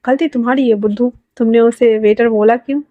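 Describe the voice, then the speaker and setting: Woman doing a calm stern older brother. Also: on the high side, dry recording, narrow, tinny audio, natural voice. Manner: quiet, measured, stern.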